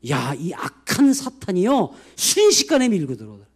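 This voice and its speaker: High-voiced, animated male pastor preaching. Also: normal speed, slightly rough. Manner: emotional storytelling, swinging from loud to hushed. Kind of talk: testimony sermon.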